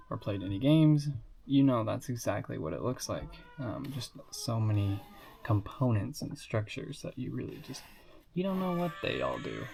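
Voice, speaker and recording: A sick, sniffly hobbyist casually shows off and reviews toy building sets, rambling with lots of fillers and asides. His voice is lowish and darkish, with vocal fry.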